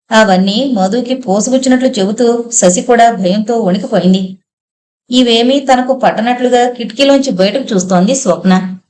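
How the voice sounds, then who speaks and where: A woman narrating a novel in a measured storytelling manner. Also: a little high, darkish tone. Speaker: audiobook narrator.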